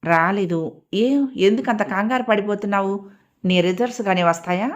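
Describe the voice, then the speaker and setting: A woman's voice: mid-range voice, normal speed, dull audio, close to an everyday voice. A woman voicing a tired, ironic older sister who asks dry, sceptical questions in an audio story.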